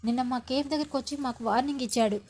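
A woman's voice: high-pitched, rapid-fire, darkish tone. A woman reading an indignant protective mother. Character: protective mother of accused son.

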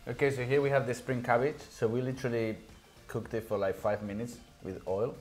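A man's voice: mid-range voice, little pitch movement, fairly quick. Laid-back man hosting a cooking show. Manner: brief, laid-back remarks. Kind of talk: casual cooking demonstration. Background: background music.

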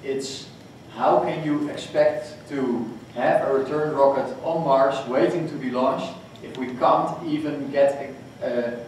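A man on a conference panel speaks haltingly, often restarting his sentences, in a mid-range, slightly mellow voice. He's picked up by a distant table mic in a hotel conference room, so the hall sounds echoey, with a little hiss or hum.

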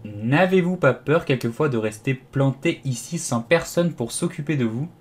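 A man's voice: medium pitch, animated, normal speed, slightly rough, voice pushed up. A man voicing a curious, polite little girl in an audiobook, eager and full of questions.

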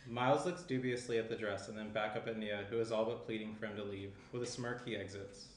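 A young man narrates the stage directions at a screenplay table read, speaking fast in a lowish, steady voice. He sits indoors reading from a tablet, picked up by a shared desk microphone at some distance, so the audio has a roomy echo and faint background noise.

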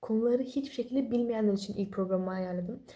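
Talking fast and sounding sleepy, this young study vlogger rambles through casual late-night advice at home while her family sleeps. Her voice is on the high side and mellow, and with no external mic she stays apologetic and chatty, cracking self-deprecating jokes.

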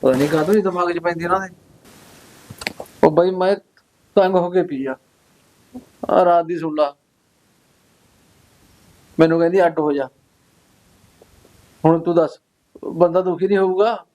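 A tipsy younger brother, acted by a man, self-pitying and fed up with the fighting at home. He complains and pleads in a voice pitched a little high for a man. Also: steady tone, normal speed, long pauses, a little mellow, close to an everyday voice, low-quality recording. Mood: complaining. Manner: complaining, weepy.

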